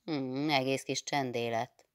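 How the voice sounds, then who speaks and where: Egy nő felolvasásában fanyar humorú fiatal pap-tanár. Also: female voice, a bass voice, steady tone, smooth, dry recording. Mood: probing. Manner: dry ascetic humor, half-stern, probing. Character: stern, wry young male priest teacher.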